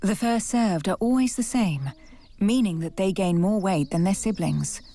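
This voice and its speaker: A woman's voice: mid-range voice, moderate pace, mellow. A woman reading scripted narration for a wildlife documentary.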